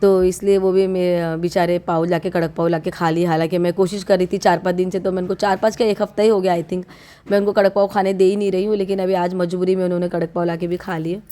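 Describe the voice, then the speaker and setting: A woman in her thirties, unwell, chatting warmly and from the heart to her viewers in a casual home vlog. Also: on the low side, little pitch movement, fast. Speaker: vlogger.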